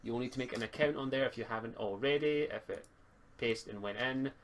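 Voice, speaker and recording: Over a group voice call, a man hosts and runs a tabletop roleplay session as game master, chatting casually. His voice is mid-range and a little fast, picked up by a noisy home computer mic.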